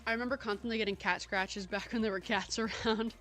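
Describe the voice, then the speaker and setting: A woman's voice: mid-range voice, steady tone, fast talker, a bit bright, soft background music. A young woman hosting a livestream, chatting casually and playfully with her viewers and laughing often. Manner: playful, giggly, chatting to viewers while eating. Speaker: livestream host.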